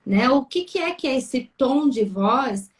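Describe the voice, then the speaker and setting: Her voice is high and animated, and she takes things slowly. As a therapist co-host on a live Q&A chat, this woman talks matters through by asking one probing, reflective question after another.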